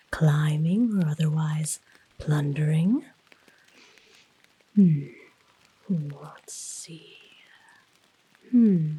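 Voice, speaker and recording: Woman as a slow, breathy, soft-spoken naga in ASMR role-play. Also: low voice, heavily acted. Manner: slow, teasing, softly threatening naga. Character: female naga huntress, predatory, coaxing, menacing serpent creature.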